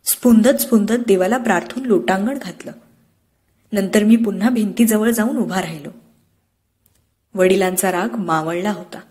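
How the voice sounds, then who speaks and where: A woman narrating an audiobook with measured, expressive storytelling. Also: medium pitch. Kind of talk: scripted narration of a classic novel.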